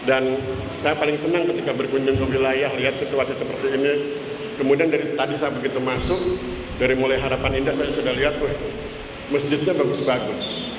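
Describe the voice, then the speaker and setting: A man in his sixties gives a motivational talk in a mosque, chatty and joking as he keeps turning to his listeners for a nod. His mid-range voice rings through a large, reverberant hall with steady background noise behind it. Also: medium pitch, brisk. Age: 60s. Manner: chatty and joking, often checking in with the audience with 'ya?'. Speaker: lecturer giving a mosque talk.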